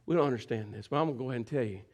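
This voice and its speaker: A male pastor races through a fervent sermon during a church service, alternating between shouts and hushed, low speech as he calls out to the congregation.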